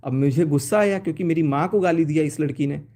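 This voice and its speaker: A man's voice: fairly high pitch, fast, warm tone. A man on a phone live stream, reading out chat messages and telling his side with a sense of grievance. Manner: aggrieved, reads out chat messages. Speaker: YouTuber showing chats on a live stream.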